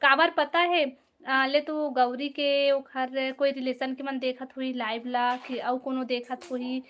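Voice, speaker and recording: A woman with a Chhattisgarhi accent hosting a casual live stream, reading out viewer comments and gently telling people off. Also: high-pitched, level tone, slow pace. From Chhattisgarh, India. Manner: reads out and answers viewer comments, scolds gently.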